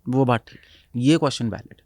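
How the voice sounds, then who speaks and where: Male spiritual teacher, middle-pitched, dry close recording, explains verses mixing Hindi and English. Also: brisk, no room sound. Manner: mixes Hindi and English, quotes Sanskrit verses, laughs often. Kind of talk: explaining scripture in conversation.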